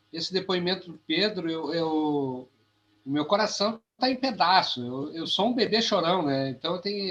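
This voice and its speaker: A man giving a heartfelt, halting testimony on a video call, often repeating his words. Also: fairly high pitch, fairly bright tone, dull audio. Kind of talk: emotional testimony.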